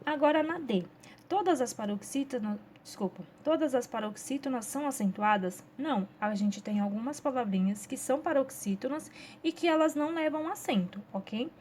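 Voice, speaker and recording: A woman's voice: high-pitched, lively intonation, normal speed, a little mellow, a little hiss or hum. A woman teacher with a Brazilian Portuguese accent, patiently going through a children's workbook step by step and checking in often with her class.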